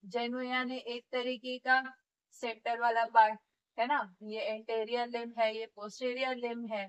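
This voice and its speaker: In a classroom-style lecture, a woman with a fairly high voice teaches physiotherapy, demonstrating movements as she goes. She explains each point patiently, step by step, and keeps checking in with her students, though the audio is dull.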